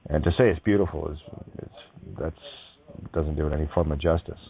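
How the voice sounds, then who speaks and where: A male show host reading listener emails aloud in a casual, halting way, full of fillers and frequent chuckles. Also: extremely low pitch, steady tone, gravelly. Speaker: online radio show host. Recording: tinny phone-like line, dry.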